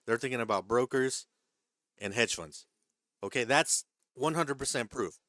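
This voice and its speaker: With a medium-pitched voice that sounds pushed and bright, a stock trading streamer reads out questions from the chat and explains the rules at normal speed. He hedges, repeats things, and checks in with "right?" and "okay?". No room sound, studio quality.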